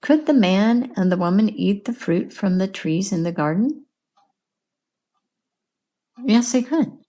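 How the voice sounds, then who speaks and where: A woman teaching English in a slow, clear lesson, patiently asking questions and repeating answers. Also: medium pitch, lively intonation, mellow. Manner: patient, repeats and explains words.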